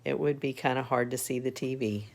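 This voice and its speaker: An older woman with an elderly voice reads a children's book aloud as a grandmother would, in an unhurried, folksy way with chatty asides. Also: very deep voice, a little mellow.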